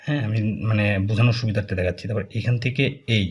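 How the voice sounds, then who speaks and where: A man, teaching a casual language lesson, talking slowly and repeating filler words as he writes strokes. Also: lowish voice, a little mellow, slightly rough. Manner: slow, repetitive, with many fillers while drawing strokes. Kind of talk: casual spoken lesson, explaining while writing.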